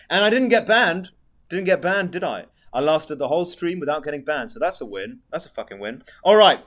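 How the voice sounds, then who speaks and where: A man's voice: a little high, a bit bright. A man with a posh British accent chats casually as a live streamer, reading out viewer messages in a dry, sweary manner. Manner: sweary, dry, tag questions.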